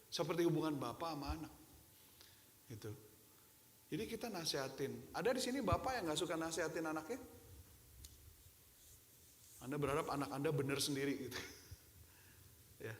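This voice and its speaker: A man preaching a sermon as pastor, lively and mixing in English phrases, asking the congregation questions. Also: fairly high pitch, normal speed, long pauses. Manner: mixes Indonesian with English phrases. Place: church. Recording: echoey church hall with long reverb.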